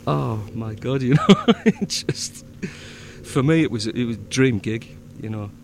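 A man's voice: mid-range voice, a little slow, gravelly, a little hiss or hum. Rambling Northern English man, many fillers. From north of England. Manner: rambling, many fillers and restarts, easy laughter. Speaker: fan audio drama producer. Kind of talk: casual chat.

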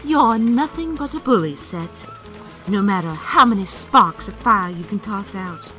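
A woman's voice: medium pitch, animated, unhurried, bright, forceful tone, soft background music. A woman playing a bold, teasing young heroine with a dry, defiant manner in an audio drama.

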